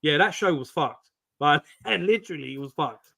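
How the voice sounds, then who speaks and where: A man's voice: fairly high pitch, lively intonation, moderate pace, vocal fry, pushed and bright. A man in casual chat on a comics stream, swearing and saying "listen" and "mate".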